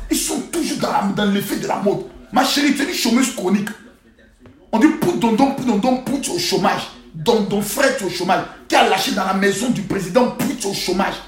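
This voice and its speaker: A high-pitched man hosts a live social-media stream, delivering preachy, scolding rants punctuated by loud outbursts and sudden quiet asides. He's on a phone mic in an echoey room, so the recording has a roomy echo.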